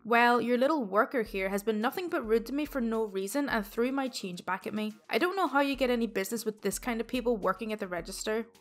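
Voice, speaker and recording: A woman voicing an angry, rude male customer in his forties who yells and berates a young cashier in a spoken story. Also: a little high, lively intonation, fast, few pauses, lightly acted. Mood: indignant. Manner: yelling, berating.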